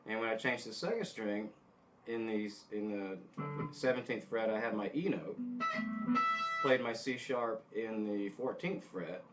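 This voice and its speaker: A middle-aged man giving an informal guitar lesson, thinking aloud haltingly and correcting himself as he goes, with an easygoing, self-deprecating way. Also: fairly low pitch, poor audio. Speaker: guitar instructor. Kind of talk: informal instructional demonstration with music theory. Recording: guitar playing behind the voice. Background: guitar notes being tapped.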